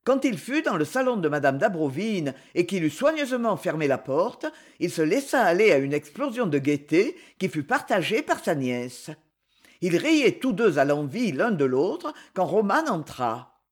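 A man narrating a classic novel as an audiobook, with expressive storytelling. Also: high voice, normal speed.

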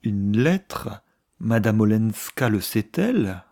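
A man's voice: fairly low pitch, big pitch swings, slow, a little mellow, full character voice. A man reading a novel aloud, voicing an earnest young man who speaks in tense, indignant outbursts. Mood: agitated.

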